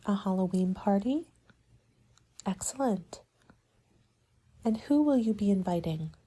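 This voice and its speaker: In a soft-spoken ASMR roleplay, a woman plays a party planning agent, her mid-range voice dark, relaxed and edged with a breathy huskiness. She speaks politely and in a measured, businesslike manner, like a consultant walking a client through options. The audio quality is poor.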